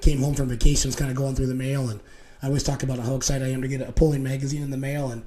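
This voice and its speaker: Talking at a rapid clip, this co-host keeps things loose and chatty, as in live back-and-forth on a show. The man's medium-pitched voice has a warm tone and a touch of hoarseness, though his delivery stays flat.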